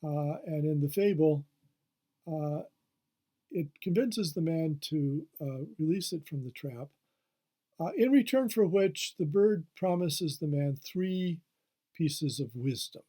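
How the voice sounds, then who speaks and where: A man's voice: a little high, expressive, takes it slowly, dark tone. A man, a history professor, giving a recorded lecture, hesitant with many fillers and restarts.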